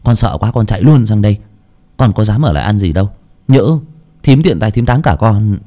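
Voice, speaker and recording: Timid boy acting grown-up, earnest, lowish, voiced by a man. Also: lively intonation, a little fast, warm tone, close to an everyday voice.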